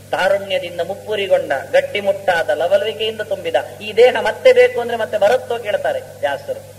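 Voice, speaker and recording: A man giving an epic discourse as a scholar, telling stories and reciting Sanskrit verses slowly. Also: sits high. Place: lecture hall. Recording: reverberant hall, faint hum.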